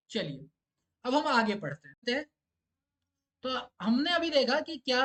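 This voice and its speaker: A man's voice: very high-pitched, a bit bright. A young man teaching an exam-prep lesson, explaining step by step and often checking that listeners follow. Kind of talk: lecture mixing Hindi and English.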